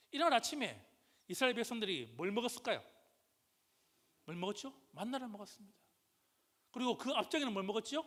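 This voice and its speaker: A man preaching a sermon as pastor, questioning the congregation call-and-response style and rising to loud, impassioned outbursts. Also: sits high. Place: church sanctuary. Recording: church hall reverb.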